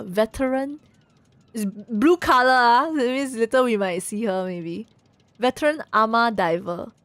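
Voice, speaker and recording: A woman's voice: fairly high pitch, a bit bright, no echo. A woman streaming a game, reading its text aloud with giggly, playful asides to chat.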